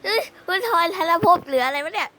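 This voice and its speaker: A woman's voice: extremely high pitch, lively intonation, brisk, bright, forceful tone, pitched above the performer's own voice, heavily acted. A woman voicing a polite young student, a girl passing as a boy, in a one-person voice drama, courteous and eager to help.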